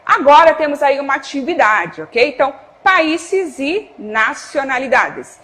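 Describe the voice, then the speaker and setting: A Brazilian Portuguese-accented woman teaches a broadcast class in a high, bright voice. She keeps checking in with short "ok?" and "tá?" tags and calls instructions to a producer off camera. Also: expressive, unhurried. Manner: checks in often with "tá?" and "ok?"; gives cues to a producer off-camera. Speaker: Spanish teacher. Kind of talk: televised classroom explanation.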